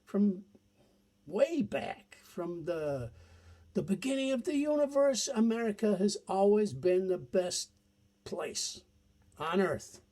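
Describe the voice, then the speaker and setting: A man's voice: high-pitched, expressive, slow, mellow. A man giving an exasperated comedic monologue with sing-song emphasis.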